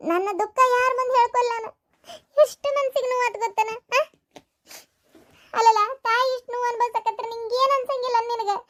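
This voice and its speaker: Casting: a woman playing a scolding village mother with a North Karnataka accent, very high voice, sarcastic and cutting. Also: fairly even intonation. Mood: aggrieved. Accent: North Karnataka Kannada. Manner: scolding, sarcastic, rapid taunts. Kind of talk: village family skit.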